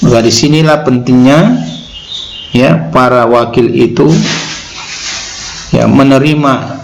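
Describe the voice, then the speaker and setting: Unhurried male religious lecturer. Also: medium pitch, creaky, a little hiss or hum, low-quality recording. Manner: unhurried, recites Quranic Arabic verses slowly, frequent "ya" tags. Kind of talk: Islamic teaching talk.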